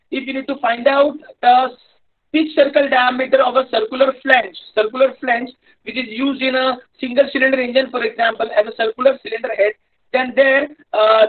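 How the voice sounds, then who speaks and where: A man with a North Indian accent giving a live online engineering lecture in a hesitant, repetitive, explanatory manner. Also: very high-pitched. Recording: dull lo-fi online-class audio.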